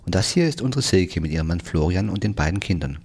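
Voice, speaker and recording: A chuckling, eager-to-please older man, a proud grandfather bursting to show off his family, as a male reader puts him on. The voice is deep and gravelly with a husky edge. Storybook reading with a giggle always close. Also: expressive, fast talker, a little mellow, exaggerated voice. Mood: jovial.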